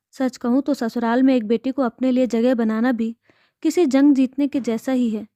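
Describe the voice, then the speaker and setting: A woman voicing a gentle worried mother. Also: high voice, dry recording, close to an everyday voice. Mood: advising. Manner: soothing, gently coaxing. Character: worried caring middle-aged mother.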